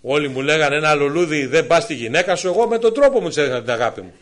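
A middle-aged male preacher tells his own testimony in a sermon. His voice sits a little high and swings from quiet, hushed asides to loud, excited exclamations. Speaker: preacher giving a personal testimony.

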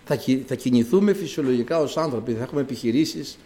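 A man preaching a sermon in an animated, emphatic way. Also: mid-range voice. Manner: animated and emphatic, acting out quoted voices.

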